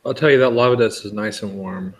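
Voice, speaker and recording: A man's voice: fairly low pitch, fast talker. A man in a casual live chat, teasing and egging on his friends while they snack.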